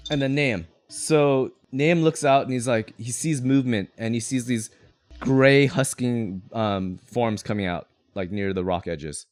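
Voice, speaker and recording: A man's voice: mid-range voice, steady tone, unhurried. A man working as game master, casually narrating a tabletop game in an explanatory, rambling way.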